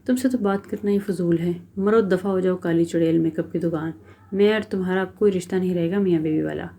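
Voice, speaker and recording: A woman reading the lines of an angry, quick-tempered young husband. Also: lowish voice, steady tone, mellow, natural voice. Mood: furious. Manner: angry, snapping.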